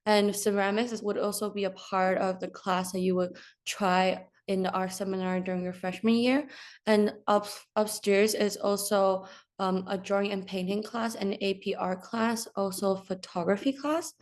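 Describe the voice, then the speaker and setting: A young woman from China narrates a campus tour in a relaxed, chatty way. Her pitch stays fairly level and her speech is full of fillers. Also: moderate pace. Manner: casual, frequent fillers like "like" and "so". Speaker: student tour guide.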